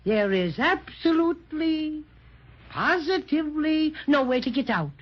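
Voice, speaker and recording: A performer voicing a cheerful, protective little cinnamon teddy bear who reassures the children and is bossy toward the stork, in a 1930s radio drama. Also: female voice, high voice, animated, unhurried, music in the background. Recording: dull old 1930s radio transcription.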